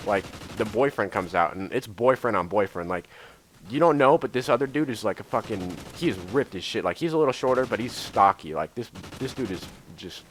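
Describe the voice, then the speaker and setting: A young man tells a long, rambling story in a casual vlog, his voice sitting a bit low. He fills it with "like" and swearing as he goes. Faint game gunfire and clicks run quietly behind him. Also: expressive, fairly quick, a little hiss or hum. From Idaho. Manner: rambling, lots of filler words and swearing. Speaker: YouTuber. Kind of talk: casual storytelling over gameplay.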